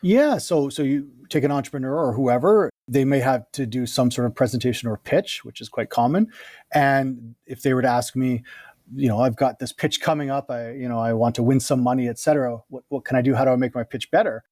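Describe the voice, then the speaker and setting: A man speaks as a communication coach in an interview, his mid-range voice recorded close and dry. He explains his method in a lively way, speeding up in quick bursts. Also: mid-range voice, dry recording. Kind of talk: casual interview talk.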